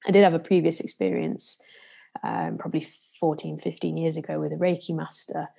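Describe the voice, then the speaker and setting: A woman's voice: sits low, fairly quick, creaky, warm tone, breathy edge. A woman with a Leicester accent from the English East Midlands, hosting a podcast and explaining things casually with careful diction. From Leicester area, England. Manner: speaking carefully to be understood. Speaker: podcast host and meditation trainer.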